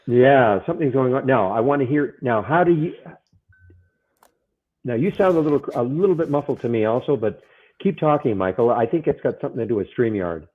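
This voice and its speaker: A man's voice: medium pitch, lively intonation. Muffled man sounding inside a fishbowl. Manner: hesitant, halting, repeats himself. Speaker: day-trading livestream host. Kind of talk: casual live-stream chat. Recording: muffled, tinny wrong-mic audio.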